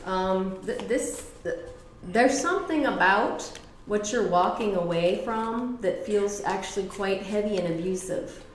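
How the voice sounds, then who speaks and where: A woman's voice: mid-range voice, unhurried, reverberant, a little hiss or hum, poor audio. A middle-aged woman giving a casual tarot reading, blunt and profane, with emphatic repetitions. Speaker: tarot reader.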